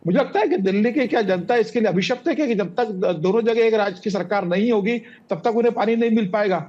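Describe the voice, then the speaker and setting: A man giving political commentary as a senior journalist on a panel, arguing point by point in an even-handed way. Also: high-pitched, fast talker, muffled recording.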